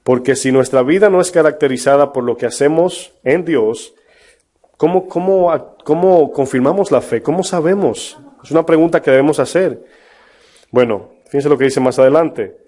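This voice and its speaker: A man's voice: on the high side, moderate pace, dark tone. A man preaching a sermon as pastor, emphatic, with rhetorical questions to his congregation. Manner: mocks false prophets in a put-on voice.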